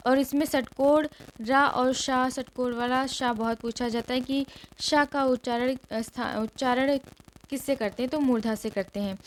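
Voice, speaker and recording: A woman teacher giving an exam revision lesson, repeating each rule and quizzing her listeners. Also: sits high. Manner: repeats rules and asks questions to the class.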